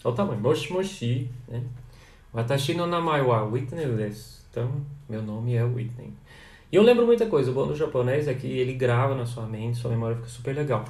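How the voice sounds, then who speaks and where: A man's voice: a little fast, reverberant. A Brazilian man with a Brazilian Portuguese accent, a language teacher answering viewers' questions in a live session and sounding out foreign phrases. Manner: animated, pitch leaps up and down, demonstrates foreign phrases.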